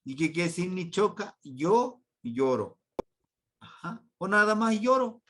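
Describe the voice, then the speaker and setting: A man from Mexico teaching a Nahuatl grammar lesson online, slow and patient, repeating words for his students. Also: high voice, sing-song, fairly bright tone, a little hiss or hum.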